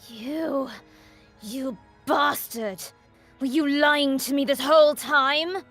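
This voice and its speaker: Woman putting on a high-voiced captive young princess. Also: unhurried, breathy edge, faint music behind. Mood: betrayed, furious. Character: captive young princess, pleading, then betrayed and furious. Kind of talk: video game character read-aloud.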